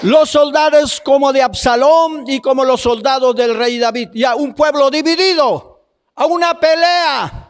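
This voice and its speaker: A man preaching a fiery sermon in a church hall, his voice very high and ringing. He speaks slowly, stretching his phrases and breaking into shouts. A long reverb from the hall hangs behind every word. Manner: preaching with slow drawn-out phrases and sudden shouts.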